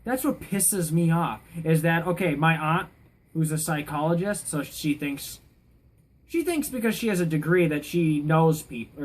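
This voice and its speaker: A woman's voice: low-pitched, rough recording. A woman ranting casually to camera in a vlog, rambling with many fillers and restarts, rising to indignant outbursts. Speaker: vlogger.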